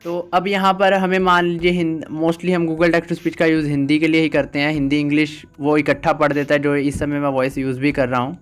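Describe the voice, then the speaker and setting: Smooth, even-toned man walking through phone settings. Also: a little high, soft background music. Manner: patient, explaining each step with "ah" pauses. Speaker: tech tutor. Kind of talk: step-by-step phone tutorial.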